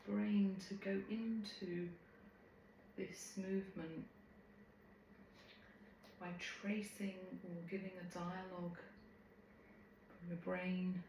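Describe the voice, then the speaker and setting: A woman teaches tai chi in a very reverberant room with faint noise behind her. She speaks slowly and serenely, giving gentle movement cues at a medium pitch. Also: level tone. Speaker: tai chi and qi gong instructor. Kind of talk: live movement class instruction, calm cueing.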